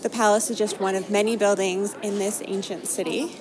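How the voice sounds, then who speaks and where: Speaking fairly quickly in a steady, mid-range voice, a travel show host from Maine narrates her vlog with bright enthusiasm. Music plays behind her, and there's background noise too.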